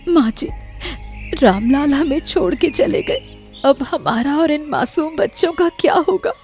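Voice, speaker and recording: A worried young cartoon widow speaks in a high, wavering, expressive voice, as a woman narrator puts her on. She sounds anxious and close to tears. Light music runs under the storybook telling. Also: a little slow. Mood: tearful, anxious. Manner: tearful, anxious.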